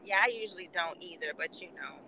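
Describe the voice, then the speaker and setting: A woman's voice: on the low side, quick pace, noisy background. A woman guest, an author, telling funny stories in casual chat and acting out the people in them. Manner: animated storyteller acting out quoted voices.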